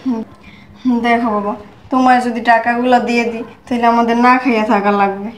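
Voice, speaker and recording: A poor mother, played by a woman, pleading and placating. Her voice sits fairly high and moves quickly. The room has a noticeable echo. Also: fairly even intonation, a little hiss or hum, natural voice. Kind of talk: amateur short-film acting. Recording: echoey room.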